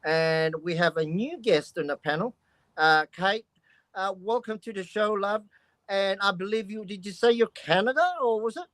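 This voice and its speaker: A man's voice: sits high, moderate pace, fairly bright tone, dry recording. A man in his fifties hosting a casual livestream interview, talking in a loose, filler-heavy way and addressing the guest as "love". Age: 50s. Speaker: livestream host.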